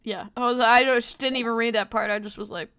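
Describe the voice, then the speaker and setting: A woman's voice: a little high, steady tone, fairly quick, pushed and bright, clear, resonant tone. A woman giving casual, sweary commentary as she streams a game. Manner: frequent swearing.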